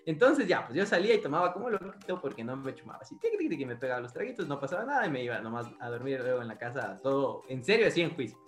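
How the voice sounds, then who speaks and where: A man's voice: medium pitch, very animated, rapid-fire, few pauses, roomy sound. A man with an Ecuadorian accent, hosting a podcast, telling a story in casual chat with a lot of swearing and mouth sound effects. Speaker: podcast host.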